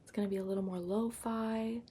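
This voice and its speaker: A woman giving an unhurried ASMR ramble in a hushed whisper and soft voice, recorded up close on a laptop microphone. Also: medium pitch, fairly even intonation. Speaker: ASMR vlogger. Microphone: built-in laptop microphone, up close. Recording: lo-fi laptop microphone, clear background noise. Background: tapping and keyboard-like scratching sounds.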